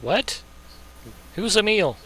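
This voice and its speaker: Guy cracking jokes at game night, bright medium voice, clicky mic. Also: high voice, big pitch swings, slow pace. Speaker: tabletop game player. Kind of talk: casual joking chat. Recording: faintly noisy mic with clicks.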